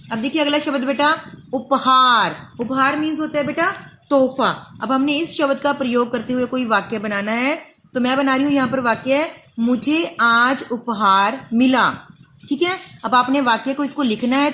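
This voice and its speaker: A woman with a high, bright voice takes young pupils through a lesson, drawing each word out syllable by syllable. She speaks patiently and keeps calling the child "beta". Faint hiss sits under the recording. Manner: patient, stretches out sounds syllable by syllable, calls listener "beta". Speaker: primary school teacher.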